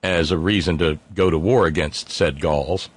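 Here a husky, low-voiced man runs a live stream at a normal speed and fairly even intonation, recorded dry. He works through viewer comments in a loose, wry, off-the-cuff monologue packed with fillers and false starts.

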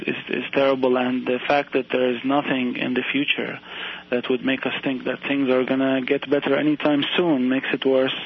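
Flat-voiced man from Iraq on radio. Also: mid-range voice, lo-fi sound, a little hiss or hum. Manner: earnest, measured, with repeated restarts. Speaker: university professor, interview guest. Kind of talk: radio interview.

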